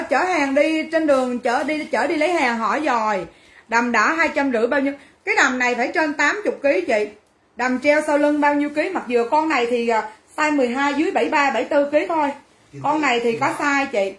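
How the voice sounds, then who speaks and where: A woman's voice: high voice, a bit bright, echoey room. A woman selling clothes on a livestream, brash and teasing as she banters with viewers. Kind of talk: livestream sales chat.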